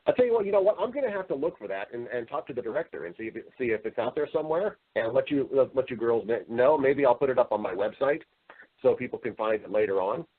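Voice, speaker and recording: An American man with a husky, expressive, medium-pitched voice talks fast as an interview guest, casually recounting his story in a chatty, rambling way and often repeating words. He is a voice actor and entertainer. The recording sounds muffled and narrow, like a phone line.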